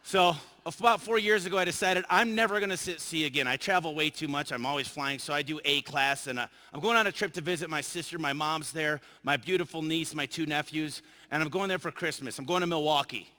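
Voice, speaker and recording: A man's voice: on the high side, a little fast, few pauses. A man giving a motivational business talk, telling stories and acting out the dialogue in them. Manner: animated, acts out dialogue in his stories. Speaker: keynote speaker. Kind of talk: motivational storytelling speech. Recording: long hall reverb.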